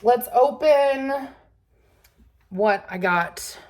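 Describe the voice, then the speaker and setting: Her voice sits on the high side and is a little mellow, and she talks extremely slowly. A sniffly, allergy-ridden vlogger with a Southern US accent, she's hot and sweaty as she rambles casually through her grocery haul, full of loose fillers and asides.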